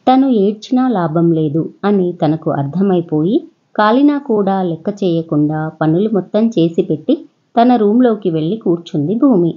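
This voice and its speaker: A woman with a Telugu accent narrating a children's story in a steady, even storytelling manner. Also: on the low side, husky, highs cut off.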